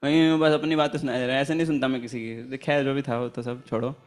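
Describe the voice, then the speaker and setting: A man's voice: mid-range voice, level tone, quick pace. A man teaching a Gita class in a chatty, storytelling manner, laughing often and chanting Sanskrit verses. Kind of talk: informal scripture class with anecdotes.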